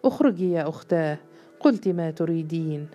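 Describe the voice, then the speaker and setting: A woman's voice: sits low, animated, fairly quick, dark tone, faint music behind. Stern male judge, read by a woman. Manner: firm, commanding. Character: stern older male judge, firm and grave.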